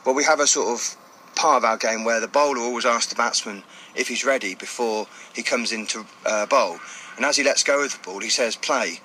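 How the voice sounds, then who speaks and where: A man talks casually as an interview guest. His voice is medium-pitched and forward, with a bright edge. He explains things informally, over faint ambience. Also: brisk, slight background noise, low-quality recording. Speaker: interview guest, blind cricket player.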